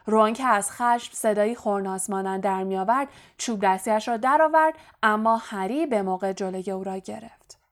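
Woman narrating an audiobook. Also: medium pitch. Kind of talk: scripted story narration.

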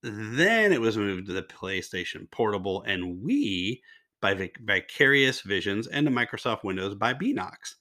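An older man hosting a solo podcast in a casual, rambling way, sounding nasal and slightly raspy with a mild cold and laryngitis. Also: on the low side, big pitch swings, measured pace, pushed and bright. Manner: rambling, conversational, self-interrupting asides. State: mild laryngitis and nose congestion. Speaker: podcast host.

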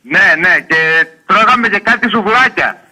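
A male caller with a high, very sharp and bright voice who chats casually and reminisces with an easy, friendly manner. He talks in loose, rambling stretches. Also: lively intonation, low-quality recording. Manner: chatty and reminiscing, laughing easily. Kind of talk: casual phone-in chat.

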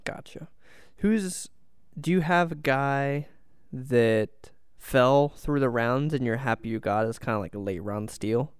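Co-hosting a podcast, a man chats casually about football picks, sounding upbeat and agreeable. He speaks unhurriedly and clearly with a resonant, mid-range voice, recorded dry in a clean studio.

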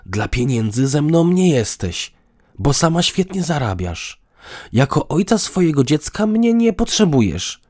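A man reading the lines of a calm, wry male character in an audiobook. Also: a little high, a little slow. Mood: bitter. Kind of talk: audiobook dialogue.

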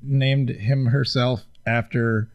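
A man's voice: medium pitch, fairly even intonation, slow pace, clean tone, no room sound. A man co-hosting a show in casual banter, wisecracking and needling his partner. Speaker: podcast co-host. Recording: slightly dull, lo-fi sound.

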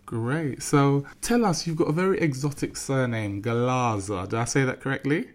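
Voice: mid-range voice, moderate pace. An interviewer asking short, encouraging questions in a casual interview.

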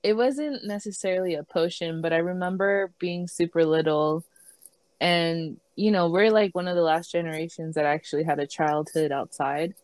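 A woman's voice: lowish voice, normal speed, a little mellow. Giggly young woman co-hosting a chatty podcast. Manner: giggly, chatty, lots of fillers. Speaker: podcast co-host. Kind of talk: casual chat.

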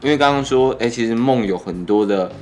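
A man's voice: mid-range voice, a little fast, darkish tone. A man in his twenties with a Taiwanese Mandarin accent hosts a casual, laid-back podcast chat, his articulation slightly muffled by braces on his teeth. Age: 20s. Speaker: podcast host.

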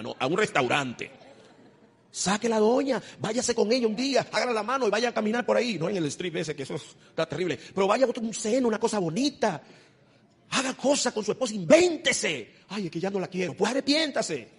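A middle-aged male preacher giving an impassioned sermon, swinging between loud exhortation and hushed, intimate asides. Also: high-pitched, expressive, fast talker, breathy edge.

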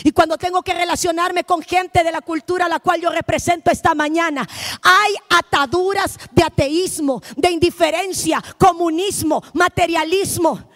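A woman preaching a missionary sermon, impassioned, swinging between shouted lines and hushed ones. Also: very high voice, steady tone, moderate pace.

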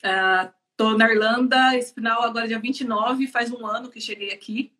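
Her voice is a little high, bright and forceful, with fairly even intonation at a moderate pace. This production engineer in her thirties, Brazilian-accented and from São Paulo state, is a guest on a live interview, chatting with lots of laughter and fillers.

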